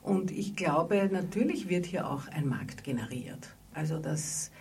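Lady therapist, low gravelly voice, dark tone, bit far from the mic, faint noise behind. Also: animated, a little slow. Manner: thoughtful, hesitant, many fillers. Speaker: psychotherapist in private practice. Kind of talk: radio interview.

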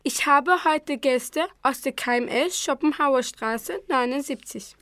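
A young girl hosts a school radio segment in a high voice. She reads slowly and carefully from a script. The studio sound is dry and close. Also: fairly bright tone, dry recording. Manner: slow, careful, read-aloud delivery. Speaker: student radio presenter.

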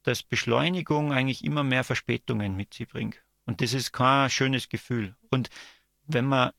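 Man, gravelly mid-pitched voice, halting reflective interview talk, close dry sound. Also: fairly even intonation, a bit bright, no room sound. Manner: halting, searching for words, thoughtful. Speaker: interview guest, artist.

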